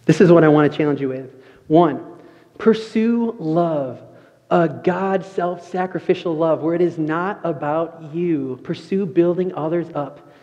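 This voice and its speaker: A young man preaching a sermon as a pastor, telling an animated story. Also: on the high side, a little slow. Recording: muffled sound, long reverb of a large room.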